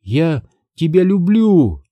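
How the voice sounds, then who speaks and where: A man's voice: high voice, lively intonation, normal speed, dark tone, no room sound, pitched above the performer's own voice. A man reading an audiobook who voices a frightened, lovesick teenage girl in a raised, tearful, pleading voice. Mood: weeping.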